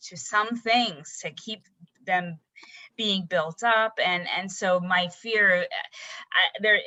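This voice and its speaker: A woman in a casual discussion who thinks aloud with halting restarts. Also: mid-range voice, sharp tone, no room sound, low-quality recording. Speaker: parent panelist.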